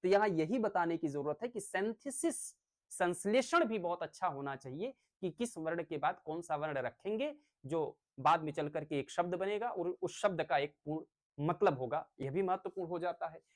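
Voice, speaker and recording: A man's voice: a little high, animated, moderate pace. A male teacher giving a lecture on phonics, explaining step by step with everyday examples.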